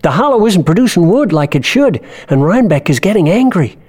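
A man voicing an earnest, worried village father and elder with measured, folksy speech in a fantasy audio drama. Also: high voice, sing-song, darkish tone, slightly rough, voice pushed up, exaggerated voice. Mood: concerned, urgent.

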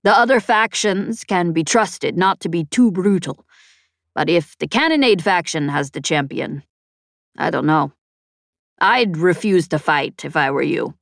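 A woman's voice: on the low side, unhurried, gravelly, dry recording, clean studio sound. A woman voicing a wary, earnest male pirate ally in an audiobook.

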